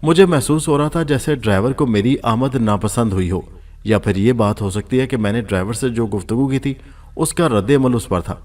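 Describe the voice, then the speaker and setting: A man reads a first-person story aloud, steady and measured as he tells it. His pitch sits in the middle of the range for a man. He keeps an even storytelling pace throughout. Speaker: audiobook narrator.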